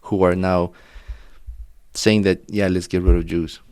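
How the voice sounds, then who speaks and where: A man born in Azerbaijan co-hosting a podcast, talking in an opinionated, halting way with many restarts. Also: low-pitched, little pitch movement, a little mellow, clear, resonant tone, dry recording, clean studio sound. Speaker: podcast co-host. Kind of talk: casual chat.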